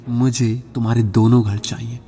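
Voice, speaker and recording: A man's voice: mid-range voice, little pitch movement, normal speed, gravelly, dark tone, breathy edge, voice pushed down. A man voicing a scheming, greedy young wife who talks in a cold, demanding way. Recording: reverberant voice-over with background music.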